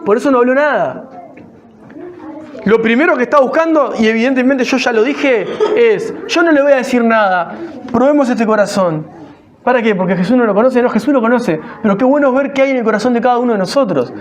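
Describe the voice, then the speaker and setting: A pastor with a very high-pitched, fast voice delivers a chatty, conversational sermon that builds to emphatic moments. He restarts his phrases often and frequently corrects himself.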